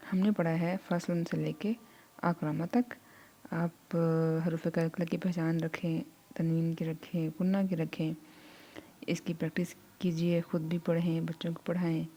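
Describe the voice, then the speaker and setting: Woman, Quran reading tutor; dark, mellow tone, drills syllables slowly and patiently. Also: on the low side. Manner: slow syllable-by-syllable drilling, then quick explanations. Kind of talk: spelling out syllables in a slow lesson.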